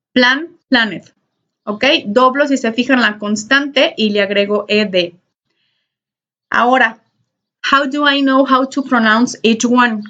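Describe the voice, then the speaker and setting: In this recorded online lesson, a woman teaches English grammar patiently, repeating herself and checking in frequently. Her voice is on the high side with a fairly bright tone, and the recording sounds dull and lo-fi.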